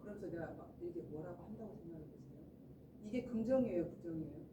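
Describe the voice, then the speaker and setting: A woman's voice: lowish voice, fast, highs cut off. A woman preaching a sermon as the pastor's wife, asking her listeners questions and acting out little everyday scenes. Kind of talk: sermon to a congregation. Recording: roomy echo, distant mic, noisy background.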